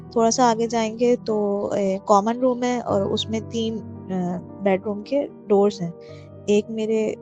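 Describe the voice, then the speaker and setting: A woman from Pakistan calling in to tell her own ghost story, pausing often with fillers and slipping English words into her speech. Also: fairly high pitch, mellow. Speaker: caller sharing a personal story. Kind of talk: telling a true ghost story. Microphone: phone voice note. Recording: dull lo-fi voice note with faint music.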